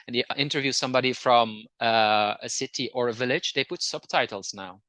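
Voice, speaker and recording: A man with a Flemish accent and a bright, forceful voice talks in a casual, explanatory way. He is a native Dutch speaker who often hesitates and repeats words as he goes. The recording is dry and close. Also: medium pitch, a little fast, dry recording. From Belgium, near the Dutch border. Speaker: interview guest.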